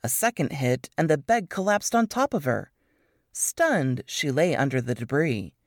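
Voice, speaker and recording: A woman reads a book excerpt aloud with expressive storytelling, her pitch swooping widely up and down. Her voice sits a little low and sounds close and dry, with no room around it. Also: unhurried, no echo. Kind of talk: scripted narration.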